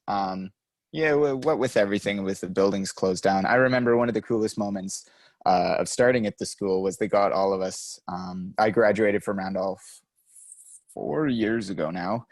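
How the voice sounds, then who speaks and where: A man in his twenties co-hosting a podcast, chatting casually with quick self-mocking asides. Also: on the low side, dry recording. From Canada. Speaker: podcast co-host. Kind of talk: casual chat.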